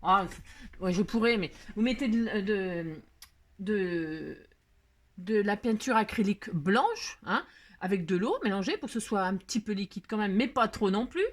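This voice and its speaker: A woman's voice: medium pitch, animated, unhurried. A woman hosting a casual craft tutorial, chatty and scatterbrained, laughing at herself as she works. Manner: sings playfully while working.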